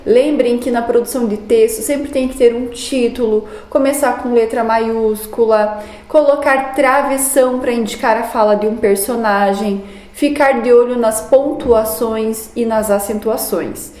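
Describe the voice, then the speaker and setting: A woman teaching young pupils, explaining step by step in a clear, patient way. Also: a little high, steady tone, measured pace, a little mellow, roomy sound. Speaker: primary school teacher. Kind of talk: recorded review lesson for children.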